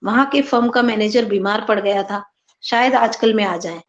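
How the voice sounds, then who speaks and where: A woman teacher reading aloud the lines of a lonely young wife who now warmly welcomes her friends, in a slightly raised, lively voice. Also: fairly high pitch, normal speed, lo-fi sound, natural voice. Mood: welcoming. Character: young wife, lonely, newly cheerful hostess.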